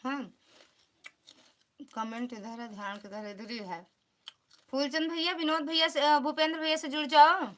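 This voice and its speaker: Casting: chatty Awadhi-accented woman, livestream host, high bright voice, greets every commenter. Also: fairly even intonation, moderate pace, pauses often. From Uttar Pradesh, India. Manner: chatty, greets commenters by name, calls for support and returns. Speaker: live stream host. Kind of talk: casual live-stream chat greeting viewers.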